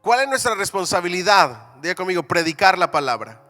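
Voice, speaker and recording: A man's voice: sits high, sing-song, fairly quick, pushed and bright, soft background music. A man teaching a Bible seminary class in a church hall, calling on the class to answer, repeat after him and say amen. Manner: call-and-response, asks the class to repeat; reads scripture aloud with emphatic rises.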